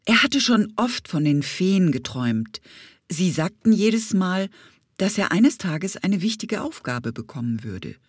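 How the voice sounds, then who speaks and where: Slow, lively woman reading a children's story. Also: on the low side, breathy edge, dry recording, clean studio sound. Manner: lively, expressive, sometimes whispered. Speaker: audiobook reader. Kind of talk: children's audiobook narration.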